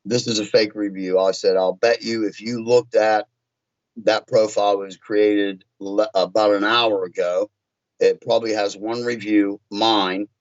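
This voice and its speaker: A low-voiced man from Virginia tells stories in a halting way, stopping and restarting his sentences often. His voice comes through as flat, dull lo-fi audio. The recording is very dry. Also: no room sound. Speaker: guest, tint shop owner. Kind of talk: podcast interview.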